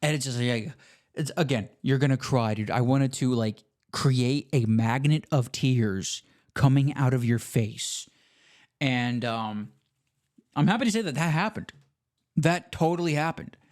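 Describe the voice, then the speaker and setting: A man's voice: medium pitch, normal speed. A young American man hosting a podcast, telling family stories in an enthusiastic, casual way and often calling the listener "dude". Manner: enthusiastic, says "dude" a lot. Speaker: podcast host. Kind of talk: casual storytelling monologue.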